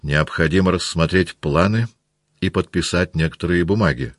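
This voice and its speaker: A man's voice: low voice, normal speed, no room sound, studio quality. A man reading the formal, stiffly displeased lines of a duty general.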